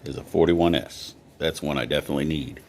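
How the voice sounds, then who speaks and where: In a hobby vlog, a coin collector with an extremely low-pitched, slightly mellow voice chats easily and briskly while sorting coins, reading off their dates one after another. There's a bit of background noise.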